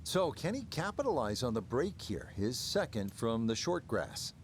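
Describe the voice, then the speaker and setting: A man giving golf commentary as the play-by-play announcer, speaking in short, measured observational phrases. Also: medium pitch, very animated, slight background noise.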